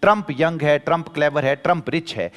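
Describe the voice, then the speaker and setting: A man's voice: fairly high pitch, brisk, a bit bright, clean tone. A man with a Rajasthani accent teaching an exam-prep grammar class, who poses his students' questions aloud and answers them himself, repeating each point as a drill. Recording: long hall reverb.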